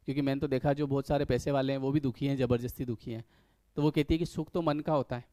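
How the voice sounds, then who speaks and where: A man's voice: mid-range voice, steady tone, quick pace, mellow, no room sound. A man giving a conversational motivational spiritual talk, earnest, full of rhetorical questions and little acted-out quotes.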